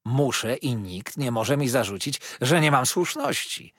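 A man's voice: medium pitch, expressive, unhurried, a bit bright, slightly rough, dry recording, clean studio sound. A man voicing a talkative, pushy old mother-in-law in an audiobook, gushing and insistent.

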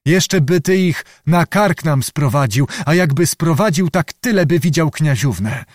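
Man putting on a shrill chanting Cossack witch. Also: animated, a little slow, dry recording, studio quality. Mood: teasing, sly. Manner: high, chanting, raised voice with wild cries. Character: fierce young female Cossack witch, wild and coarse. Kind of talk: audiobook reading.

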